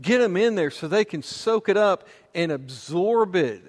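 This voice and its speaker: A man preaching a sermon in a relaxed, conversational way, often restarting his sentences. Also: high-pitched, unhurried. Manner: conversational, with fillers and repeated restarts. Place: church auditorium. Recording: long hall reverb.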